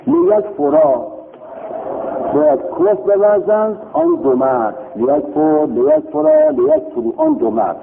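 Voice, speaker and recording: A man's voice: high-pitched, huge pitch swings, vocal fry. A man teaching a grammar lesson, drilling verb forms and quizzing himself with questions and answers. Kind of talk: recorded classroom lesson. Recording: tinny phone-like line with faint noise.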